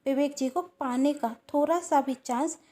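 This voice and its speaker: A jealous young woman, as a woman storyteller puts her on, sounds doubtful and pleading. Her voice is high. She is the eager younger sister in a spoken family story. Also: measured pace, warm tone. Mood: sulky.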